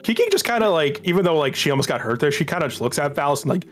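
Playful male tabletop player, animated intonation, slightly high voice, faint noise behind. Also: rapid-fire. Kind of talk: casual in-game chat.

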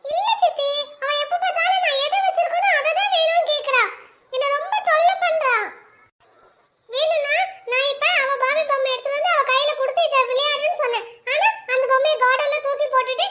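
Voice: very high voice, a little fast, bright, forceful tone. Someone voicing a cheeky selfish cartoon boy. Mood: whining excuses. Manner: teasing and defiant. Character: cheeky young boy, selfish older brother.

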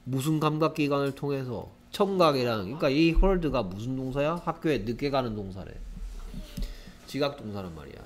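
A man teaching an English grammar lesson to students, lively and constantly checking in with rhetorical questions. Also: mid-range voice, brisk.

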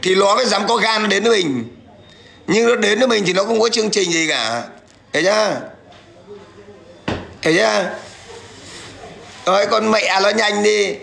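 A man's voice: high-pitched, sharp tone. A man ranting aggressively on a livestream, taunting and coarse as he addresses viewers and an absent rival. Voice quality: gravelly. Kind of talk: livestream rant.

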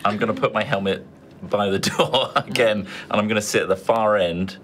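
A man's voice: lowish voice, normal speed, a crowd in the background. A man talking casually as a player in a tabletop game.

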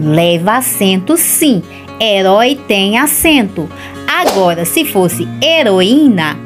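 A Brazilian woman teacher gives a spelling dictation, then explains the answers to viewers in a chatty, questioning way. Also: mid-range voice. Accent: Brazilian Portuguese. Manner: slow, clear dictation with drawn-out words. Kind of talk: dictation and grammar lesson.

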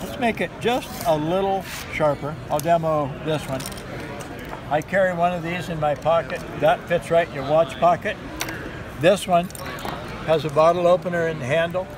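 A middle-aged man giving a knife-sharpening sales demo at a gun show, talking in steady instructive patter and repeating simple tips. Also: on the high side, normal speed. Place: busy indoor gun show hall. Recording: noisy crowded show floor. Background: crowd chatter.

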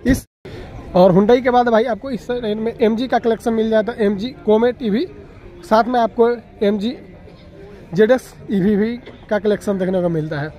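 High-voiced young man touring an expo. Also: moderate pace, warm tone. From Bihar, India. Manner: chatty, keeps addressing viewers as brother. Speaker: auto vlogger. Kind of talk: walkaround vehicle review vlog. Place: outdoor expo grounds. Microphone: phone camera at arm's length.

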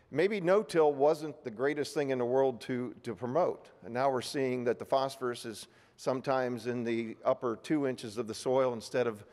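A man's voice: medium pitch, darkish tone. Middle-aged man moderating in a reverberant hall. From Ohio. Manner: plain-spoken, many fillers and restarts. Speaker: panel moderator. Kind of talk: public panel remarks. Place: large hotel ballroom meeting. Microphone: podium microphone. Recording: long reverb of a big hall.

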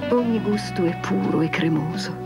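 A woman reading a scripted infomercial-style product pitch as a commercial voice-over. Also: normal speed, creaky. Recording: loud guitar music under voice-over.

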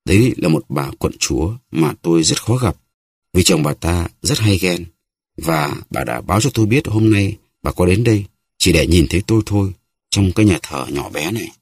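Boastful proud musketeer, haughty and huffy, guy reading him, deep husky voice. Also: expressive, normal speed, darkish tone, no echo, clean studio sound, heavily acted. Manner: haughty, mock-offended. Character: vain, boastful musketeer, proud grown man.

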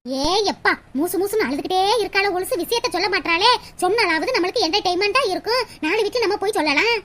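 A woman voicing a scheming, gossipy middle-aged village woman in a cartoon comedy, sweet-talking out loud and plotting in muttered asides. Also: extremely high pitch, fast talker. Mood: sly aside. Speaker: cartoon character voice.

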